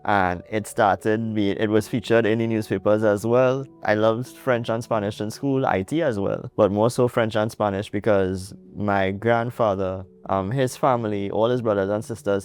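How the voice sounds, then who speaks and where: A man's voice: on the low side, darkish tone, smooth. A young Trinidadian man, a guest in an interview, telling his story earnestly with restarts and light laughs. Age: young adult. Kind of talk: casual interview.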